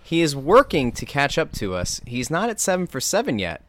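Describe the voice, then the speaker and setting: A man's voice: fairly high pitch, huge pitch swings, fairly quick, a bit bright. A man co-hosting a podcast, joking and teasing in casual chat. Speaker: podcast co-host.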